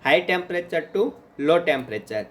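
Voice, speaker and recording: Hindi-English mixing male lecturer, fairly high voice. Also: expressive, normal speed, fairly bright tone. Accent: Indian. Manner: mixes Hindi and English, asks and answers own questions. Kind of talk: recorded exam-prep lecture.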